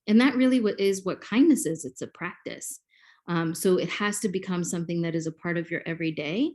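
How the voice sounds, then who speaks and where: This podcast interview features a woman from Kenya in her forties, a native Swahili speaker. Her voice sits on the low side and is a little mellow, and she talks fairly quickly. Her explanations sound like a teacher's, scattered with plenty of ums.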